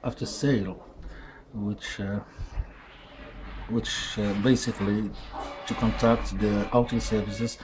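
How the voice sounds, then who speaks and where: With a lowish, steady voice and a slow pace, a man whose first language is Arabic reviews a tool casually in English for a vlog set in a workshop. He uses many fillers and restarts, and the recording has a noisy background.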